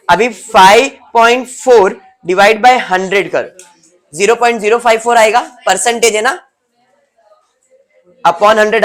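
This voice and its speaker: A man's voice: sits high, a bit bright. A male teacher gives a classroom lecture, explaining step by step and teasing students by name.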